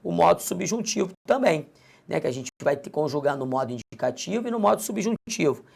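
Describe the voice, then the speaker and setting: Very gravelly, husky male teacher. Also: on the high side, a little fast. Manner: lively, addresses the student directly and coaxes them along. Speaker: grammar teacher. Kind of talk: recorded video lesson.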